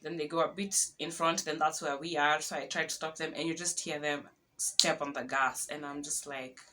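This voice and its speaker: A young Kenyan woman with a Kenyan accent, casually retelling a road trip story to camera, animated and dramatic. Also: sits low, normal speed. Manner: animated retelling with laughs and dramatic whispered asides. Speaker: vlogger.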